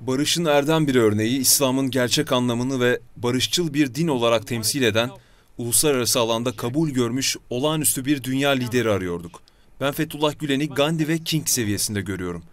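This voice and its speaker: A man's voice: medium pitch, brisk. A man reads a formal scripted translation as a voice-over.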